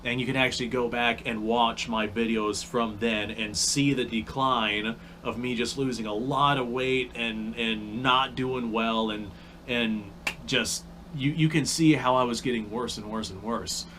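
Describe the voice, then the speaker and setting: A man's voice: medium pitch, fairly even intonation, measured pace, sharp tone, a little hiss or hum. A man talking casually to camera, with upspeak that rises at line ends and rambling restarts, with the hiccups. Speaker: YouTube creator.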